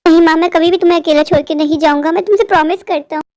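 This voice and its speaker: In cartoon voice acting, a woman voices a lovestruck young male crow who pleads eagerly and a little anxiously. Her voice sits very high and is a little mellow, very fast, with fairly even intonation. The recording is dry and close.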